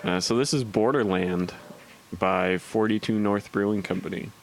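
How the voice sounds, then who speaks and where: A man's voice: lowish voice, moderate pace, gravelly, slight background noise, poor audio. A young man co-hosting a casual podcast, rambling and saying "like" a lot. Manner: rambling, filler-heavy, says like a lot. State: working and in school. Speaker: podcast co-host. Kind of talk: casual chat.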